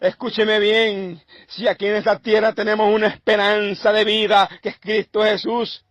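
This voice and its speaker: A man's voice: high voice, level tone, moderate pace, fairly bright tone, no room sound. A man preacher giving an emotional testimony, telling his story in an intense, repetitive way. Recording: dull lo-fi dry sound.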